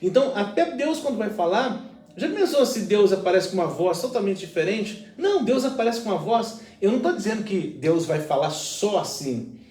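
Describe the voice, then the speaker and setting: Earnest pastor with a high lively voice. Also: male voice, normal speed, echoey room, far from the mic. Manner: earnest, explanatory, uses everyday examples. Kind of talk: conversational Bible reflection.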